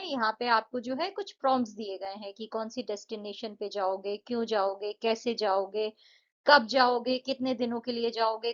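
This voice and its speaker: A woman teacher explaining exam answers step by step, patient, mixing Hindi and English. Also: fairly high pitch. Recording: dull lo-fi audio.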